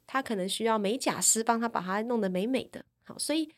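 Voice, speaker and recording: A woman's voice: on the high side, fast. A woman, telling personal stories on a podcast in a candid, reflective way. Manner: candid and reflective, tags sentences with a trailing "这样". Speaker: podcast speaker. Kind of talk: personal storytelling podcast talk.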